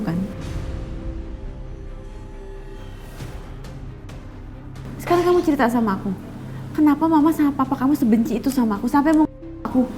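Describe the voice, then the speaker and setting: Kejora, a young woman in a TV soap, worried and insistent, as an actress plays her. Her voice is high and her questions come fast, with soft music underneath. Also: close to an everyday voice. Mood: accusing. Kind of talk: TV soap drama acting.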